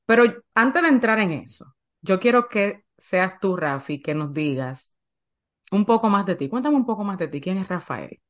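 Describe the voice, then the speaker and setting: A woman's voice: medium pitch, lively intonation, normal speed. A middle-aged woman hosting a faith-based podcast as an eating coach, talking in an emphatic, heartfelt way.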